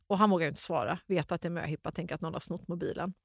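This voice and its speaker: Lively middle-aged woman telling a story. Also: on the low side, gravelly, no echo, clean studio sound. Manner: lively, laughing, acts out quoted dialogue. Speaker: interview guest, author. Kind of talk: personal storytelling in a podcast chat.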